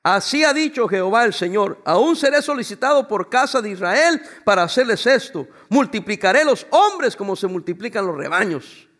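A male pastor preaching a sermon, pausing for the congregation to finish his lines. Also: high voice, big pitch swings, a bit bright. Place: church before a congregation.

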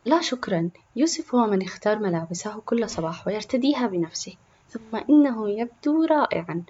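A woman voicing a gentle, patient young mother in a storybook, speaking softly. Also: medium pitch, lively intonation, fairly quick, muffled recording, a little hiss or hum, close to an everyday voice. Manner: soft, tender.

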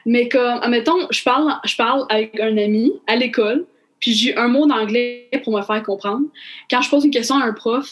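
Higher-voiced opinionated woman. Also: normal speed. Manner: animated, opinionated, mixes in English. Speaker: podcast co-host guest. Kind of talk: casual interview chat.

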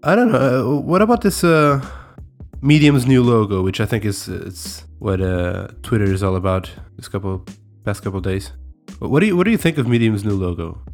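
With soft music playing behind him, a young Portuguese podcast co-host chats casually in a fairly low voice at normal speed. His Portuguese accent comes through, along with relaxed hesitations and frequent laughter.

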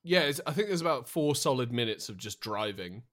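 A man's voice: medium pitch, animated, fairly quick, a bit bright. A man co-hosting a casual film review podcast, swearing, laughing and acting out scenes. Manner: sweary, laughing, acts out quotes. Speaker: podcast co-host.

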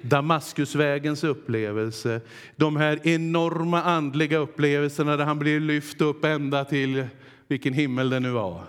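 A man's voice: fairly high pitch, steady tone, smooth. Earnest male preacher in a reverberant hall. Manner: earnest preaching, dramatic pauses, quoting God's voice. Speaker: pastor. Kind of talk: sermon. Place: church hall.

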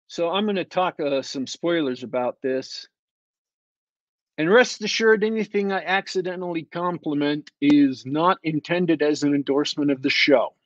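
Slow, sarcastic man on a dull-sounding recording. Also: on the high side, dry recording. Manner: sarcastic, digressive, with many fillers and restarts. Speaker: podcast host reviewing a TV show. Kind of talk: casual spoken review. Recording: slightly dull, dry lo-fi sound.

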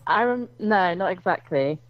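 A woman with an English accent chats as an interview guest, her voice sitting low and her humor dry and understated. The sound is close and dead with no room around it, and slightly dull and lo-fi. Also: expressive, normal speed, dry recording. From England. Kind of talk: casual interview chat.

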